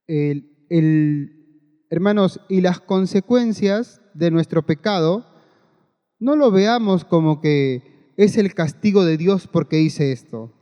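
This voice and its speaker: A man's voice: a little high, takes it slowly, mellow, clear, resonant tone, lo-fi sound. A man preaching a sermon in an earnest way, repeating his phrases and often turning to address the congregation directly. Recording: long hall reverb.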